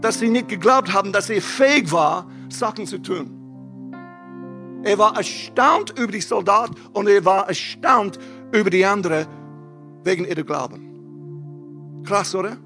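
A man preaching a lively, emphatic sermon from a church stage, using casual slang. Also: sits high, a little slow, long pauses. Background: faint keyboard music.

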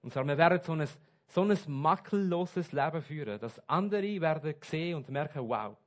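A man preaching a sermon, switching between soft asides and loud, stressed points. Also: on the high side, expressive, normal speed. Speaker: pastor.

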